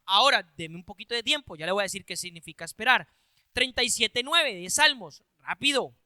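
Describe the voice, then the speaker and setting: A man preaching with a high, piercing voice that swings from quiet asides to loud, insistent calls. He reads scripture aloud and unpacks it, repeating each key phrase for weight. The sound is dry and close. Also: expressive, brisk, smooth, dry recording. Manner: reads Bible verses aloud and explains them, repeats phrases for emphasis; bursts into loud emphatic calls. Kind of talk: sermon.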